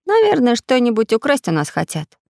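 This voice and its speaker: Casting: high-pitched little girl in a kids' audiobook , voiced by a woman, lively. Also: brisk, creaky, no room sound, studio quality, full character voice. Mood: amused. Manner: high, amused. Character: laughing young girl.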